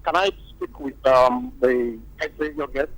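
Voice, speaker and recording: A man calling in to a talk show by phone, halting and repeating his words. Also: medium pitch, fairly bright tone, rough recording. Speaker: caller. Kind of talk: phone-in question. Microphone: telephone line.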